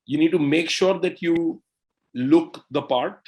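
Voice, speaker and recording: A man from India speaking as a guest in a podcast interview. His voice is a little higher than most men's, and he talks in lively, quick bursts, checking in often with "right?" and "you know" as he tells business stories. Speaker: co-founder and CEO, podcast guest. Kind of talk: conversational interview storytelling.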